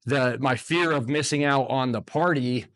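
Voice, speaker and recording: A man's voice: mid-range voice, moderate pace, a bit bright, no room sound. A man in his forties from the United States talks in a loose, rambling way, leaning on fillers. His voice sits in the middle of the male range. The sound is dry and close. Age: 40s. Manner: loose and rambling, full of fillers, choked up at times. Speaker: guest. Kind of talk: casual interview talk.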